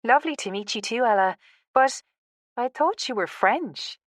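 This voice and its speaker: A woman's voice: fairly high pitch, animated, normal speed, dry recording, pitched above the performer's own voice, lightly acted. A woman voicing an earnest young mother of a daughter, speaking in a wondering, sincere way.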